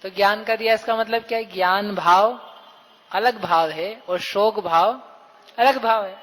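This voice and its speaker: A man's voice: sits high, a little slow, a bit bright, in a large hall, rough recording. A man giving a Jain scripture discourse to a live audience, asking questions and acting out everyday speech. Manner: questioning, addresses listeners directly; acts out quoted everyday speech. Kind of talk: religious discourse.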